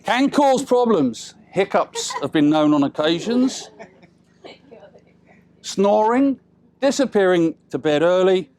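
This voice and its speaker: A British man in middle age speaks in a notably high register. He is giving an informal father-of-the-bride speech, chatting and teasing, leaving pauses and tacking questions onto his remarks. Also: very animated, darkish tone. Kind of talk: informal humorous wedding speech.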